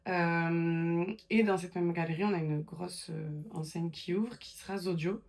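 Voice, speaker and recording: Une femme qui raconte son parcours en interview, sur un ton de conversation détendue, avec beaucoup d'hésitations et de reprises. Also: female voice, on the low side, steady tone, a little slow, creaky, a little mellow. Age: 20s. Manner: chatty storytelling, many fillers and restarts. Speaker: guest. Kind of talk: casual interview chat.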